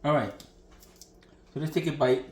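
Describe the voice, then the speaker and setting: A man hosting a casual cooking demo from his home kitchen, talking in a folksy, rambling way with plenty of asides. His voice sits a little high for a man. The room gives it a noticeable echo. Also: moderate pace, very noisy. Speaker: cooking channel host.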